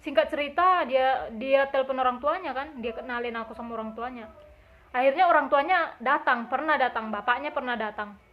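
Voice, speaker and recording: A woman's voice: high-pitched, a little fast. A young woman telling a personal story in a casual vlog, acting out quoted lines with a raised voice. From Indonesia. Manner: lively, acts out quotes with raised voice. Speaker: vlogger. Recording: dull lo-fi recording.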